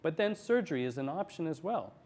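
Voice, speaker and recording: A man's voice: fairly high pitch, very animated, a little fast, a little mellow. A man speaking as a medical expert in a TV interview, explaining things plainly and step by step. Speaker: eye surgeon, interview guest. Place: TV studio.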